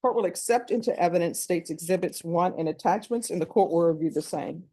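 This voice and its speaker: A woman's voice: fairly low pitch, dark tone. Woman judge on a courtroom recording. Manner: brisk, formal, reads set questions. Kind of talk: formal plea admonishments.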